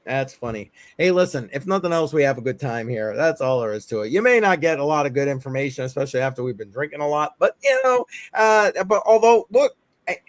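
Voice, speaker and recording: A man's voice: medium pitch, expressive, fast, few pauses. A man with a New England accent hosting a casual crypto livestream chat, rambling and laughing often. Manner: rambling, repeats himself, laughs a lot. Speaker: host.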